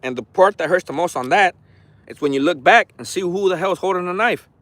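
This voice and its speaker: A man in his forties talks into his phone outdoors, rambling, frank and full of swearing. His voice sits a little high. The sound is dry and close, with no room behind it. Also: brisk, fairly bright tone, no echo. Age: 40s. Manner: rambling, frank, swears freely, tough talk. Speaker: RC hobby vlogger. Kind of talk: casual livestream chat. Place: outdoors near an orchard.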